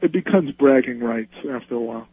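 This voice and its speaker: A man's voice: medium pitch, a little fast, slightly rough, dry recording. A man calling in to a radio show, mostly chiming in with short agreeing remarks. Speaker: caller. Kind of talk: phone-in call. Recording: tinny phone line.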